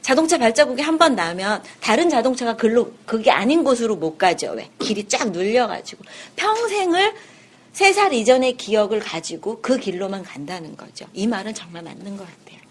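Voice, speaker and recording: A woman lecturer giving a lively seminar talk, asking the audience questions and acting out little scenes. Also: on the high side, moderate pace, breathy edge. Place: seminar room.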